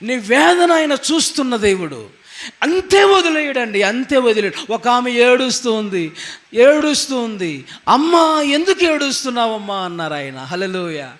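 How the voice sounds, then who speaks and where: A man's voice: extremely high pitch, very animated, unhurried, a bit bright. A man preaching a sermon as pastor, who asks the congregation questions, answers them himself and keeps adding hallelujah and amen. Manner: punctuates lines with hallelujah and amen.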